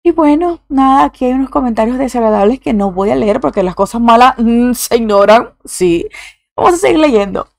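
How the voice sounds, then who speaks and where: An effusive woman with a slightly high voice hosts a casual reaction video and reads viewers' comments aloud. She now and then slips English exclamations into her talk. The sound is dry and close. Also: expressive, a little fast, vocal fry, dry recording. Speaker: YouTube reaction host.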